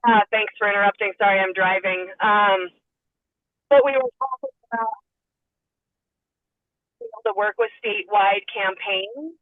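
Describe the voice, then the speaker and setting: A woman calling into a remote meeting from a car speakerphone while driving, reporting for her group in a halting way with many fillers. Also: medium pitch, fairly even intonation, no echo. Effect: car speakerphone call. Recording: tinny phone line from a moving car.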